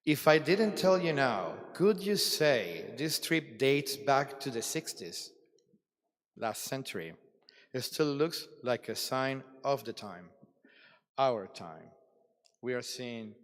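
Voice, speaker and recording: A man giving a formal, reflective address at a conference closing ceremony, with deliberate dramatic pauses. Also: mid-range voice. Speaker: ceremony speaker. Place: large hall at a ceremony. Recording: long reverb of a large hall.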